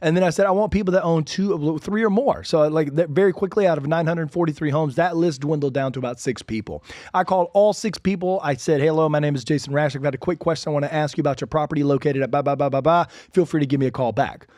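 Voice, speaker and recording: Man, podcast host, chatty and energetic, fairly high voice, dry sound. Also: quick pace, no room sound. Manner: energetic and chatty, full of asides. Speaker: real estate podcast host. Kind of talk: casual instructional podcast talk.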